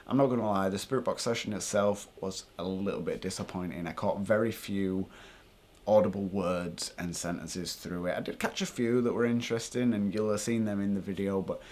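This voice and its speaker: British man, low-pitched voice, informal vlog explanation, thinking aloud, paranormal investigator. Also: fairly even intonation, brisk, darkish tone. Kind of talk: casual explanatory vlog talk to viewers.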